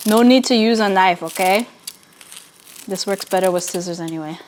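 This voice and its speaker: A woman's voice: mid-range voice, moderate pace. Chatty woman vlogger, noisy background. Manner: expressive, giggly, switches into Korean phrases. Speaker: vlog host cooking on camera. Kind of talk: casual chatty cooking vlog to viewers. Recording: noticeable background noise.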